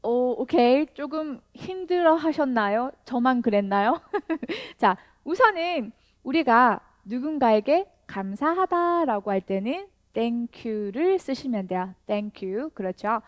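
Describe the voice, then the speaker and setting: A woman leads an English lesson, asking learners to repeat each phrase. Her voice sits a little high and her pace is slow and patient. The recording is close and dry. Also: lively intonation, no echo. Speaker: English teacher. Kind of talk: step-by-step language lesson.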